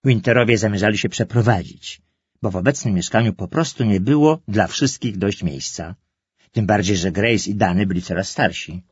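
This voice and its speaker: A man calmly narrating a children's story as an audiobook reader. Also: on the low side, moderate pace, husky, no echo. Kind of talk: scripted narration. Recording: dull lo-fi, dry.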